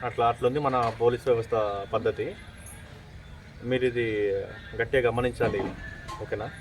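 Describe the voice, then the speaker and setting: A man's voice: medium pitch, flat delivery, normal speed. A man with a Telangana Telugu accent interviewing a grieving family, nodding along and pressing with questions. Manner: affirming, then pressing questions. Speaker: interviewer, vlogger. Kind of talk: outdoor interview. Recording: crowd noise outdoors.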